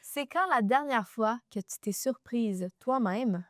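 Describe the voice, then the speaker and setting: Higher-voiced woman interviewer. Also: unhurried, no echo, clean studio sound. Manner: friendly, curious questioning, laughs easily. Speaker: podcast host, interviewer. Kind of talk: casual interview conversation.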